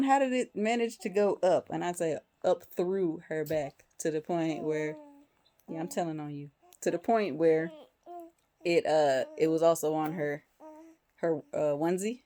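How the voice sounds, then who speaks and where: A woman vlogging at home as a new parent, retelling a messy moment in an animated, incredulous way. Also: fairly low pitch. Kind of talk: casual vlog storytelling. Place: home, bathroom sink and nursery.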